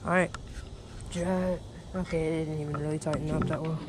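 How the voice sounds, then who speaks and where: A man's voice: fairly high pitch, little pitch movement, normal speed. A young man casually narrating a fishing vlog by a pond, chatty and laid-back, often saying dude and bro. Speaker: fishing vlogger. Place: outdoors by a small pond. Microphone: head-mounted action camera. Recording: outdoor camera mic with wind and ambient noise.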